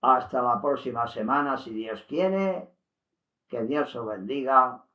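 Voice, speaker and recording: A man giving a slow, solemn devotional reading and commentary. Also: mid-range voice, pushed and bright. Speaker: lay Bible commentator.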